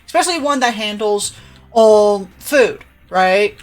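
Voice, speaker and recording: A young woman chats on a live stream, telling a winding personal story in a casual, animated way. Her voice sits at an ordinary middle pitch. Faint music plays quietly in the background. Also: unhurried. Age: young adult. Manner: rambling, animated, restarts and frequent "right?".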